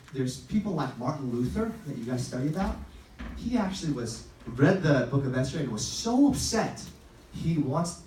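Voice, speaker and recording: Recorded from afar in an echoey room, with faint noise, a man with a slightly high, somewhat mellow voice gives an upbeat, informal youth sermon. As pastor he tells stories conversationally, acting out the quoted lines.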